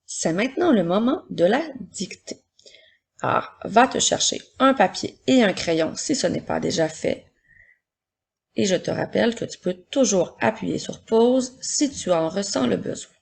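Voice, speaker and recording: A woman teacher giving a slow, patient spelling and dictation lesson for young children, explaining step by step. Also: medium pitch, lively intonation, creaky, darkish tone, husky. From Quebec, Canada.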